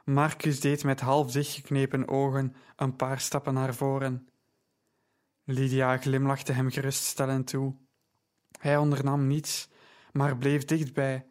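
A man narrating an audiobook in a calm, deliberate reading voice. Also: medium pitch.

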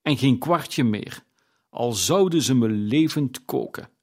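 A man's voice: medium pitch, expressive, takes it slowly, a little mellow. A man voicing Old Joe, a sly old male pawnbroker who talks in a wheedling, cackling way in an audiobook. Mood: sly hearty. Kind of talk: audiobook character reading.

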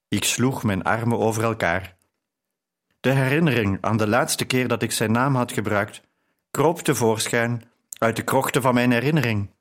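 Male audiobook narrator, measured and even reading of a novel. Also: medium pitch. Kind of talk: scripted narration.

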